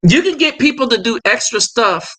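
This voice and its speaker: A man hosting a live stream, talking casually in quick bursts with asides and fillers. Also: very high voice, expressive, bright, forceful tone. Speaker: livestream host.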